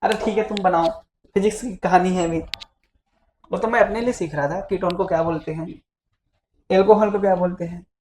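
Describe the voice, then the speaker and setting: A man's voice: high voice, fairly even intonation, fairly quick, long pauses, darkish tone, slight background noise. A male physics teacher in a casual classroom lecture, teasing and scolding his students as he talks. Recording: echoey classroom.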